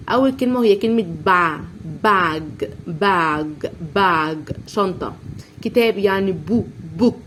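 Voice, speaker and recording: A woman's voice: mid-range voice, a little hiss or hum. A woman with an Egyptian Arabic accent teaching an English lesson to young children, stretching out and repeating each word again and again. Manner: slow, drawn-out drilling of each word, repeating sounds many times.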